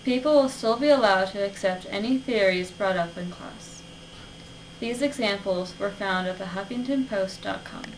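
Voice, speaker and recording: Young woman, student, earnest and orderly in a persuasive class speech, mid pitch, camera across the room. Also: moderate pace. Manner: earnest, structured delivery. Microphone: camera at a distance. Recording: distant camera with faint hiss.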